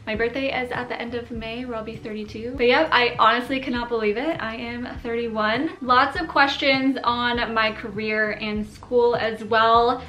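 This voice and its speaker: A woman's voice: on the high side, steady tone, moderate pace, hardly any pauses, pushed and bright, roomy sound. A woman in her thirties, chatting long-windedly and upbeat in a casual Q&A vlog at home. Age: 30s. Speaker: YouTuber. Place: living room by a window.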